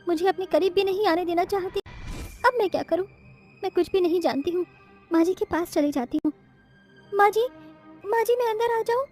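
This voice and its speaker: A woman voicing a gentle, anxious young bride in a cartoon story, speaking softly and pleadingly. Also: extremely high pitch, pitched above the performer's own voice. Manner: soft, pleading.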